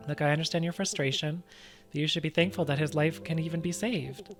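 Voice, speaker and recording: A player voicing a calm, patient old male scientist who speaks in a measured, reassuring way. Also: medium pitch, faint music behind, lightly acted.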